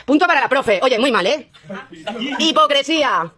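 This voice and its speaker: High, playful woman teacher running a class quiz, chattering students behind. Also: animated, crowd noise. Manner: playful, teasing, brisk countdowns. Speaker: teacher hosting a class spelling contest. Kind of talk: hosting a classroom quiz game. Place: school classroom. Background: noisy students.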